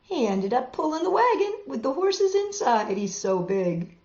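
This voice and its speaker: Reading picture books to kids at a normal speed, this high-voiced woman exclaims often, stretches out certain words, and breaks in with chatty little asides. The room recording comes across dull and echoey.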